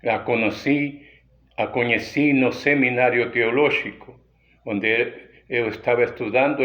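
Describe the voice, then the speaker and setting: A man from Peru, a pastor with a Peruvian Spanish accent and Spanish as his first language, giving a deliberate, unhurried sermon. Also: mid-range voice, fairly bright tone, lo-fi sound. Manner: unhurried, deliberate teaching delivery with frequent pauses.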